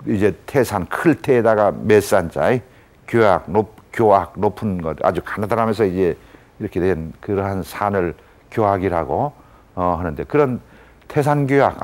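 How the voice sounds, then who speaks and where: A man's voice: lowish voice, a little mellow. A man lecturing to an audience, explaining terms step by step and often saying "ye" between phrases. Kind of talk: academic lecture.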